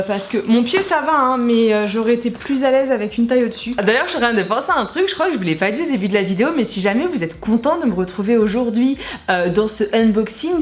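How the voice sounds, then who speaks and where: A woman in her thirties chatting casually and enthusiastically as she unboxes beauty products, gushing over each one. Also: a little high. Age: 30s. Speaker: beauty vlogger. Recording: echoey room, faint noise.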